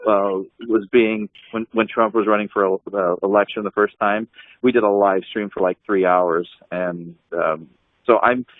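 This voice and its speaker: A man's voice: lowish voice, steady tone, normal speed, no echo. A man casually reminiscing on a group call, rambling with many fillers and restarts and laughing often. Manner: laughs often while telling stories. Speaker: anti-scam blogger on a group call. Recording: dry tinny call audio.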